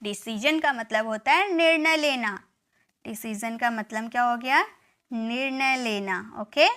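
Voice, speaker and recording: A woman with a high, bright voice teaches English spelling. She spells each word out letter by letter and repeats it, speaking directly to her viewers. Her tone is clear and sharp, and she keeps checking that they have followed. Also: unhurried. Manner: spells words letter by letter and repeats them, with frequent check-ins. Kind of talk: classroom-style spelling lesson.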